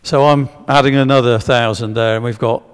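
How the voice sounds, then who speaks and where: A man's voice: medium pitch, fairly even intonation, brisk, smooth. A man giving a public history talk with slides, hesitant with many fillers and restarts, drawing guesses from the audience. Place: church. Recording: long echo of a church hall.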